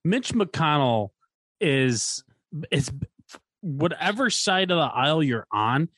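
A man's voice: fairly high pitch, sing-song, takes it slowly, a bit bright, no room sound. Easygoing man in casual chat. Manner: easygoing, laughs a lot.

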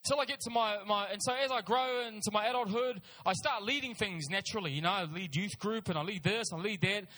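High-pitched and sharp, this middle-aged Auckland man's voice races along with hardly any pauses as he preaches in a reverberant hall. Speaking with a New Zealand accent, he tells personal stories with emphatic repeated lines and informal asides.

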